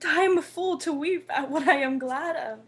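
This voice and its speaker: A woman acts a devoted young maiden in a Shakespearean romance. The voice is high, with a tender, earnest delivery. The maiden is innocent and modest, yet forthright in love. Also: moderate pace, fairly bright tone. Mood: earnest, vulnerable. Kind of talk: Shakespearean stage acting.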